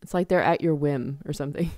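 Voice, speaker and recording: A woman giving a casual tarot reading to her viewers, chatty and quick to laugh, acting out little examples. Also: low-pitched, darkish tone, dry recording, clean studio sound, soft background music. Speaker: tarot reader.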